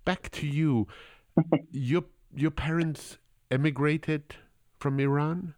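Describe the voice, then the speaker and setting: A man's voice: fairly high pitch, steady tone, slow pace, a little mellow, no room sound. A man hosting an interview, curious and wry, restarting his sentences often with playful asides. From United States. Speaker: interviewer, podcast host. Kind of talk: interview conversation.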